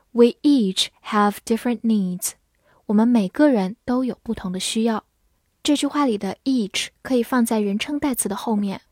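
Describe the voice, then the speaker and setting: A woman teaching English vocabulary in a patient lesson, spelling words out letter by letter and reading example sentences slowly for learners. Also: fairly high pitch, darkish tone, dry recording, studio quality. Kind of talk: vocabulary lesson, explaining in Chinese.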